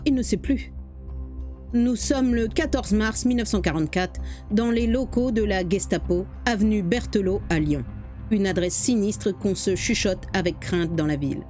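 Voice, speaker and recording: Woman narrating a dark true story, fairly high voice, soft music underneath. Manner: dramatic, expressive storytelling. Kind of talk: scripted narration.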